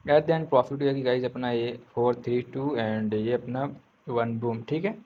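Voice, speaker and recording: A man explains trades in a relaxed tutorial, his words coming in short repeated bursts with frequent restarts. The recording is dull and lo-fi, with a faint hiss underneath. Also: medium pitch. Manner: informal, repeats himself, frequent self-corrections; says he is speaking slowly on purpose today. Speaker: trading tutor. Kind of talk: casual screen-share tutorial talk.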